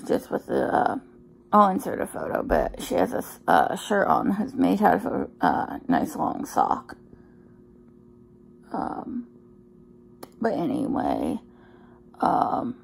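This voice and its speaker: A woman's voice: lowish voice, vocal fry, darkish tone, husky, low-quality recording. A woman talking in a casual, rambling personal vlog, sounding weary and emotionally drained, hesitant and often trailing off. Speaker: vlogger sharing daily health updates.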